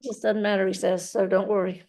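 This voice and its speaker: A woman working as a medium, relaying a spirit's messages in a halting way, often repeating words. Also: medium pitch, little pitch movement, a little mellow. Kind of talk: mediumship reading.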